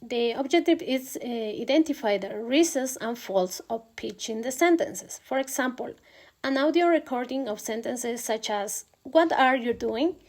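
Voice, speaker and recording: A young woman walks through a pronunciation lesson as a student presenter, her voice sitting a little high. She talks in a hesitant, careful way, filling pauses with frequent "eh" sounds. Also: expressive, a little mellow. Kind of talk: recorded class presentation.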